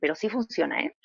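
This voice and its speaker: A woman in her thirties answers interview questions as a psychologist, speaking expressively. She acts out examples with lively voices. The audio is dry and dull, with no room sound. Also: mid-range voice, vocal fry, slightly rough, no room sound. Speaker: psychologist guest.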